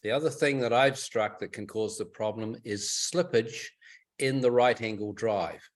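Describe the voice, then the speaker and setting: A man with a fairly low voice speaks at normal speed as a club technical expert, offering a caller informal advice on a group conference call. Heard through a phone or conference line, he lays things out methodically, like a teacher.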